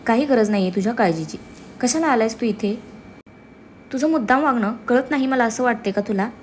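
Woman putting on a defiant young wife, snapping, scornful, fairly high voice. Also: animated, brisk, slight background noise, natural voice. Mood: angry.

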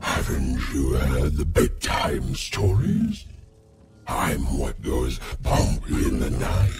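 A deep, gravelly shadow monster for a video game, ancient and menacing. He toys with his prey in mock courtesy, swinging theatrically through his phrases. Loud music plays behind him. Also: wildly swooping pitch, exaggerated voice. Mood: gloating menace. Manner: slow, menacing, theatrical, mockingly polite. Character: ancient menacing shadow creature that snatches children. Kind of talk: video game character acting.

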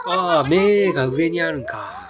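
A man chatting casually while playing a video game, blunt and joking in rough everyday speech. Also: on the high side, expressive, a little slow. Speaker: game commentator. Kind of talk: casual gameplay chat. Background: game music.

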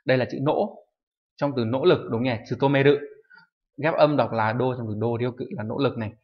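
A male teacher walks through a recorded online kanji lesson. He moves through the items at a steady pace and keeps asking brief check-in questions. His voice sits at an ordinary middle pitch, and the recording sounds a bit dull and lo-fi. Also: a little fast. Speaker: Japanese teacher.

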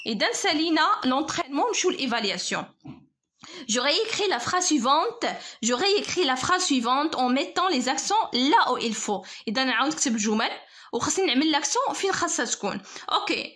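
Woman, Moroccan accent, high-pitched, patient teacher, spells words out slowly. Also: a bit bright. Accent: Moroccan Arabic. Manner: slow, careful dictation of French words. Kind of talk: French spelling lesson explained in Darija.

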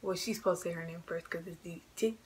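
A woman's voice: on the low side, fairly even intonation, fast, a crowd in the background. A young woman chatting casually as co-host of a YouTube channel, recorded in a bedroom on a camera mic. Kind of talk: casual chat. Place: small bedroom. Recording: noisy home webcam recording.

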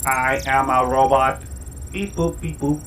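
A man doing a flat beeping robot voice. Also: medium pitch, unhurried, recorded from a distance, slight background noise, voice pushed down, natural voice. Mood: mock robotic. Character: stiff monotone male robot, mock-mechanical. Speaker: gameplay commentator. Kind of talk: playful gaming commentary.

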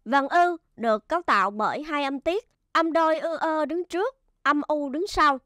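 A woman teacher giving a first-grade reading lesson, spelling out syllables slowly and clearly. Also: high-pitched, a bit bright, no room sound, clean studio sound. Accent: Vietnamese.

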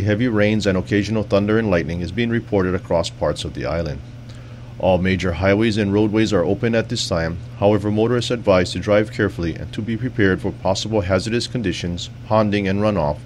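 A man reading a scripted public safety announcement as a civil defense announcer, in a formal, official manner. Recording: noisy recording with low hum.

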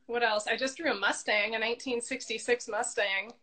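A woman's voice: fairly high pitch, fairly even intonation, fairly quick, crowd noise. A woman in her thirties, an illustrator and guest, chatting casually from home on her phone, friendly and a little hesitant. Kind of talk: casual live-stream chat. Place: home room, indoors. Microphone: phone camera at arm's length.

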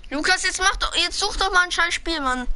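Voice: very high-pitched, fairly quick, sharp tone, a little hiss or hum. A teenager streaming a car soccer game, bantering boisterously with friends over voice chat and laughing a lot. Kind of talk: casual gaming chat with friends.

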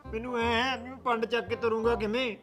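An actor playing a lazy, quarrelsome village husband in a comedy sketch, bantering loudly and teasingly. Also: male voice, very high voice, steady tone, fast, soft background music. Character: lazy bickering village husband, middle-aged man. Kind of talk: rural comedy sketch acting.

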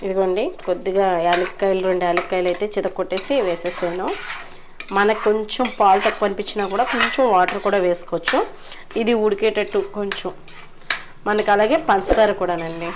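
A woman talks her viewers through a home recipe in an easygoing, chatty way, with polite asides as she cooks. Her voice sits at an ordinary middle pitch. Pots, cutlery and stirring clatter clearly behind her in the kitchen. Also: steady tone, fairly quick, noisy background. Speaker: cooking vlogger. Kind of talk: casual cooking narration.

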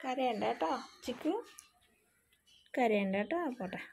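A woman's voice: a little high, animated, unhurried, gravelly, darkish tone, a little hiss or hum. A woman talking soothing baby talk to her crying puppy, coaxing and repeating herself. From Kerala, India. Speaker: dog owner vlogger.

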